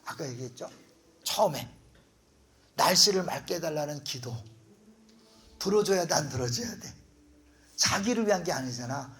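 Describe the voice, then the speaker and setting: A man's voice: fairly high pitch, expressive, normal speed, pauses often, a bit bright. A middle-aged male pastor preaching to a youth retreat, asking rhetorical questions and acting out people's prayers.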